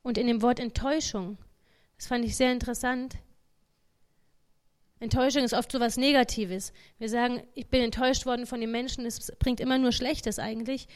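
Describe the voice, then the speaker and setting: A woman's voice: a little high, steady tone, fairly quick. Earnest woman giving a devotional talk. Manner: earnest, conversational, acts out imagined inner voices.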